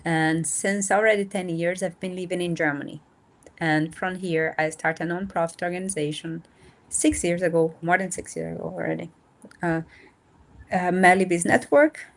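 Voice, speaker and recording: On the low side, gravelly, with fairly even intonation, she is a woman in her 30s from north and northeast Brazil whose native language is Portuguese. As a nonprofit founder guesting on a remote video call, she chats casually in an interview, thoughtfully pausing and using fillers as she looks for words.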